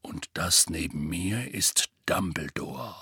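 A man voicing a gruff, grizzled old male wizard who growls low and gravelly. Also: expressive, slow pace, sharp tone, no room sound, clean studio sound, full character voice. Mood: growling.

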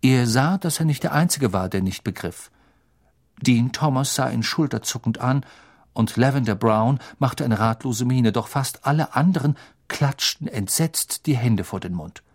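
Husky male audiobook narrator. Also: mid-range voice, animated, moderate pace. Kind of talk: scripted narration.

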